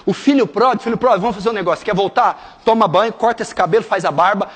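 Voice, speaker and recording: A man preaching a sermon as pastor, dropping to hushed tones and rising to shouted fervor. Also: fast, breathy edge. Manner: swings from hushed intimate lows to shouted fervent climaxes. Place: church sanctuary. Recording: long hall reverb.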